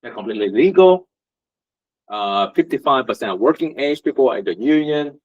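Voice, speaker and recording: Here the Vietnamese union representative talks fairly quickly with lively intonation at a medium pitch. His meetup presentation is conversational, full of fillers and rhetorical questions, captured in muffled lo-fi audio.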